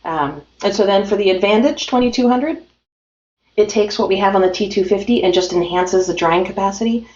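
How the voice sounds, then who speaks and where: Brisk and darkish in tone, a medium-pitched woman from the United States speaks as a printing-company guest in a remote business interview. Her delivery is upbeat and promotional, packed with fillers. Faint music plays in the roomy, dull recording.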